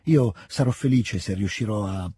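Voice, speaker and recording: A kind, shy nobleman from a classic novel speaks softly and tenderly, as a male reader voices him. His voice is low, very husky and dark. The sound is dry and close. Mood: gentle, tender. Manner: gentle and tender, a little halting.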